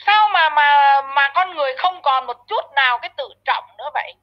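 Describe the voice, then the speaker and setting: A woman's voice: high-pitched, quick pace. A woman delivering a ranting commentary, scolding harshly and insultingly and often stuttering over repeated words. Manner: frequent stammered repeats. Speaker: online commentator. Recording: dull lo-fi audio.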